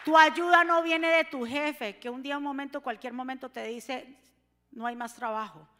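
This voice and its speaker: A woman preaching a sermon, her delivery swinging from soft to shouted and fervent. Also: sits high, fairly even intonation, normal speed. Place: church hall. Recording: long reverb of a church hall.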